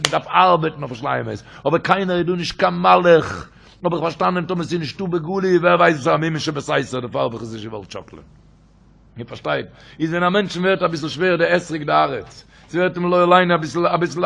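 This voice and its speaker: A man with a high, gravelly voice gives a Torah sermon. He preaches in a sing-song chant and keeps rising into shouted passages. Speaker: rabbi. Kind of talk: Yiddish-flavoured Torah sermon.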